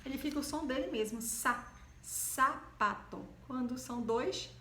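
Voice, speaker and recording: A woman teaching young children in a video lesson from home, with a Brazilian accent, drawing out words slowly. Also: high-pitched, darkish tone, reverberant, a little hiss or hum. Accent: Brazilian Portuguese. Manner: slow, drawn-out words for the children. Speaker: primary school teacher.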